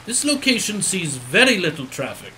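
Man playing high-voiced, lively Doctor Watson. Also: normal speed, a little hiss or hum, heavily acted, poor audio. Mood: genial, teasing. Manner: jovial, courteous, storytelling. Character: genial, theatrical gentleman doctor telling a tale. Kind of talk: audio theatre acting.

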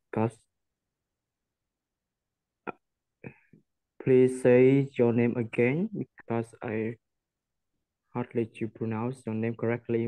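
A man's voice: mid-range voice, mellow, no room sound, poor audio. Young male English learner from Vietnam, hesitant, dry close sound. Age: young adult. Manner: hesitant, restarts, asks simple questions. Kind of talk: conversation practice. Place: indoor room.

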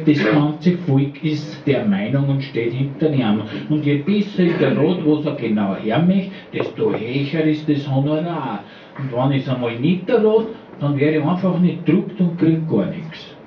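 At a live poetry slam in a small bar, a man performs a dialect poem with dry wit. His voice sits on the high side, with lively intonation and a normal pace. The live recording sounds roomy, distant and dull, with a little hiss or hum.

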